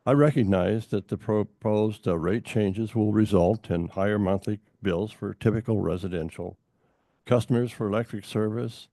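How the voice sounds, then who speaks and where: An older man from Montana giving public testimony at a utility hearing, halting and full of fillers and restarts. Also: on the low side, dark tone, no room sound, clean studio sound.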